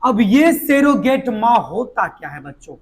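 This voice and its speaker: A man with a hoarse voice from a sore throat, teaching a live online biology class. He asks the class questions and answers them himself. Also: very high-pitched, sing-song, unhurried. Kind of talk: live online exam-prep lesson.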